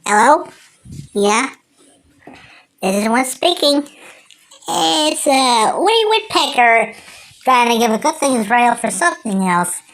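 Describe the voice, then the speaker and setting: An amateur performer voicing a cocky, excitable cartoon woodpecker who rambles and exclaims to himself. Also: mid-range voice, slow, pauses often. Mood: scheming, upbeat. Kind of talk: amateur cartoon character impression.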